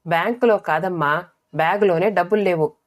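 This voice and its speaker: A woman voicing a young married elder sister, brisk and calming toward her family. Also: on the low side, no echo, clean studio sound, close to an everyday voice. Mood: blunt.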